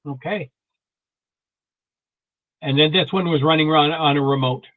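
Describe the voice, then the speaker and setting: A man's voice: a little high, unhurried, no echo. Man on a video call, inquiring, dry lo-fi line. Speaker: participant asking questions.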